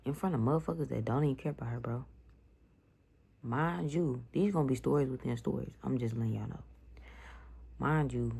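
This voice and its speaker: A woman's voice: very deep voice, vocal fry, warm tone, husky. A young woman telling a story to her viewers in a blunt, slangy, profane rant. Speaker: vlogger. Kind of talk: casual storytime vlog.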